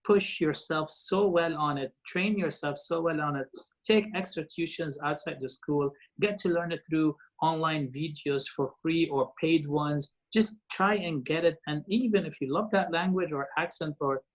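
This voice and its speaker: A Lebanese man in his forties, a native Arabic speaker who works as a radio presenter and TV host, speaks in a fairly high voice at a moderate pace. As an interview guest he tells stories casually, rambling along with lots of fillers and restarts. The audio quality is poor.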